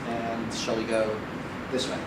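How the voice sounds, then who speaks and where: Halting male panel moderator, mid-range voice; roomy, noisy, distant room recording. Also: medium pitch, completely flat delivery. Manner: halting, many fillers and restarts. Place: meeting room at a conference.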